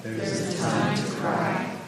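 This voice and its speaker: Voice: medium pitch, slow pace. Congregation reading in unison, cathedral echo. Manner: many voices reciting together in a steady chant-like rhythm. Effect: heavy cathedral-like church echo. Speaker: congregation reading aloud together. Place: large church sanctuary. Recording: distant crowd in an echoey church hall.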